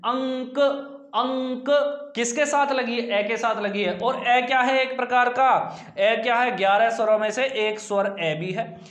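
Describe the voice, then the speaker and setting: A man's voice: very high voice, normal speed, a bit bright. A man teaching Hindi grammar at a whiteboard for an exam coaching class, asking the class questions and answering them himself. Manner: repeats questions to the class and drags out sounds. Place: small coaching room with a board. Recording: echoey room.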